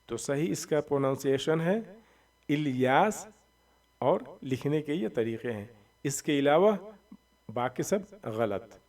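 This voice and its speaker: A man gives a religious lesson on the correct pronunciation and spelling of a name. He speaks at a middling pitch and spells out each letter and vowel mark slowly and deliberately. His voice sounds a little distant from the microphone. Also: expressive, darkish tone. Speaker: religious teacher. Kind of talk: explanatory lesson.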